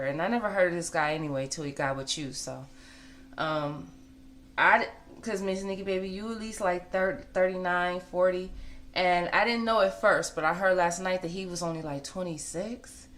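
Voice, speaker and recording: A woman's voice: on the low side, normal speed, a bit bright. An American woman of forty giving casual gossip commentary in a blunt, conversational way, repeating points for emphasis.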